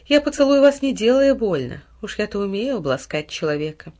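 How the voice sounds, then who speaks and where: A storyteller voicing Water, a motherly female spirit who speaks softly and pleads through tears. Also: mid-range voice, sing-song, fairly quick, lightly acted. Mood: tender. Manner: soft, pleading, weepy.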